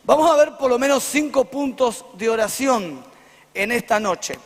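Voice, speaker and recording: A man's voice: very high voice, lively intonation, normal speed. A man pastor with an Argentine Rioplatense accent, preaching emphatically to a congregation in a church and checking in with them often. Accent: Argentine Rioplatense Spanish. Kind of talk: sermon. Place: church hall before a congregation. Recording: echoey church hall.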